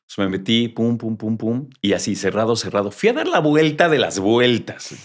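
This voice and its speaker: A man, a journalist speaking as an interview guest. He tells his story with animation, slips into the voices of the people he quotes, and talks at a mid pitch. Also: normal speed. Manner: animated, acts out quoted dialogue.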